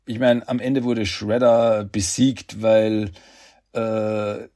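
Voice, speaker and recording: A man's voice: lowish voice, level tone, slow pace, mellow, no room sound, clean studio sound. A man hosting a podcast, chatting in a loose, rambling way. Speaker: podcast host. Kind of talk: casual chat.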